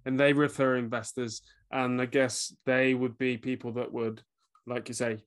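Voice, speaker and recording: A man hosting his own podcast who speaks in an easygoing, reflective way. He uses casual fillers as he works through his thoughts and laughs along often. His voice sits at a middle pitch. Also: level tone, moderate pace, smooth. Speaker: podcast host. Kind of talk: conversational interview.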